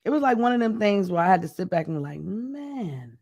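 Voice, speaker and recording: A young man from the Midwest with a somewhat high voice, chatty and excitable as he tells stories. The sound is dry and close, with no room in it. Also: rapid-fire, no room sound, muffled recording. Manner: chatty and excitable, with animated storytelling. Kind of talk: casual chat.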